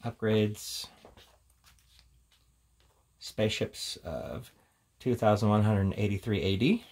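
There's a slow pace and a somewhat mellow quality to this man's low-leaning voice. He offers relaxed, hands-on commentary as a reviewer, showing off books and talking through them without fuss.

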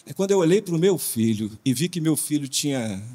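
Man, Brazilian accent, conference panel speaker, informal lively storytelling, somewhat raised pitch, reverberant hall. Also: fairly quick. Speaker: pastor, panelist.

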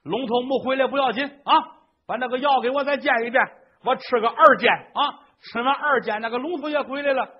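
A man voicing a stubborn, blustering old man with a husky, raised voice in a comic storytelling act. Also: extremely high pitch, a little fast, voice pushed up. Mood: overjoyed. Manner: blustering and indignant. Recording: dull lo-fi recording.

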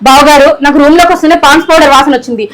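A woman's voice: high voice, steady tone, very fast, close to an everyday voice. A woman acting an indignant sister-in-law in a comedy skit, accusing and threatening her brother-in-law with demands for the truth.

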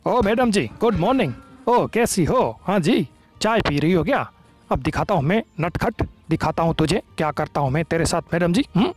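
A young man talks through a game as host, excited and teasing, throwing playful taunts at the on-screen villain. His voice sits a little high, with light music playing underneath. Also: normal speed. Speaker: gaming channel host. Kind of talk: gameplay commentary.

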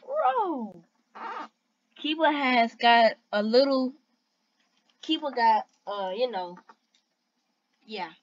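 A woman's voice: fairly high pitch, sing-song, drawn-out words, long pauses, dry recording. A woman hosting a reaction video with casual commentary. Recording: dull lo-fi audio with background noise.

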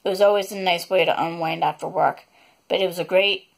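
A woman reads a chapter of her own novel in a plain, unpolished way. She pauses now and then to apologize for stumbles and to add small asides. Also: lowish voice, fairly even intonation, gravelly. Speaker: author reading her novel.

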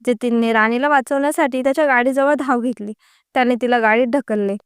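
A woman narrating a story in an even, unhurried reading voice. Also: fairly high pitch, clear, resonant tone, no room sound, studio quality.

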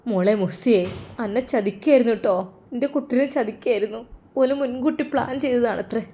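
A woman's voice: fairly high pitch, fairly quick, dark tone, lightly acted. A woman voicing a protective, indignant middle-aged mother in a storybook tale, scolding and comforting, with a Malappuram Malayalam accent.

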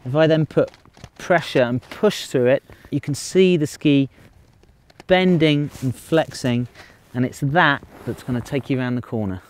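On a snowy slope outdoors, a ski instructor in his thirties gives a lesson, explaining things in a plain, upbeat way with light jokes. His voice is medium in pitch and unhurried.

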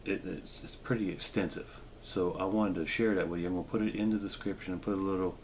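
Clear outdoor background noise sits beneath this camera-recorded demo by a middle-aged gear reviewer, who starts at an indoor table and finishes in a backyard. His voice is fairly low, and his relaxed, chatty delivery is peppered with "uh" and "um."

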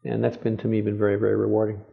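A man's voice: on the low side, monotone, rapid-fire, creaky, husky, narrow, tinny audio. A man in his sixties from Canada, a heart surgeon, speaking hesitantly with many fillers in an interview recorded with a lapel mic in a clinic exam room. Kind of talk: profile interview.

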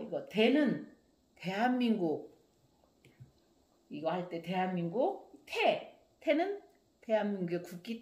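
A woman teaching children to read in a slow, clear phonics lesson, drawing out each carefully sounded syllable with a sing-song lilt. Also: mid-range voice, reverberant. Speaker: Korean language teacher.

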